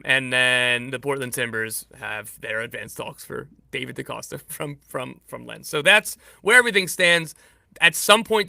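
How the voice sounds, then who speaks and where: A man co-hosts a sports podcast as an insider, sharing news in a casual, animated, jokey way while restarting and correcting himself. His voice sits in the mid-range with vocal fry. The studio-quality audio has no room sound.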